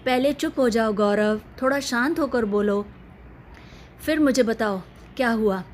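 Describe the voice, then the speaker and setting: Woman voicing young wife in a family story, firm and measured, fairly high voice. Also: a little hiss or hum, close to an everyday voice. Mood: gentle. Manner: measured, turning sharp. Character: young married woman, patient but firm.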